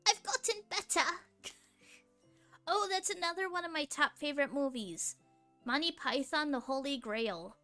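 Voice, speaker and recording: A woman's voice: high-pitched, normal speed, pauses often, bright, forceful tone, soft background music. A young woman vlogger chatting casually in a rambling, giggly, sleepy way.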